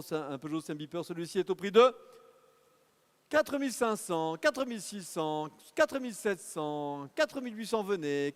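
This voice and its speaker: Working the floor of a live car auction, an auctioneer with a fairly high, clear, resonant voice calls bids in a rapid rhythmic patter and prods bidders along. Long reverb fills the hall around him.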